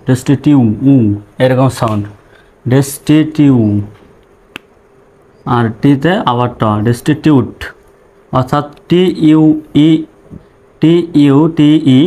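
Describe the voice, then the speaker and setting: A man with a Bangladeshi accent gives an English reading lesson at a very unhurried pace. He spells words letter by letter, sounds out each syllable, and repeats them patiently. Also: mid-range voice, warm tone. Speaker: English teacher. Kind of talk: slow spelling-out pronunciation lesson.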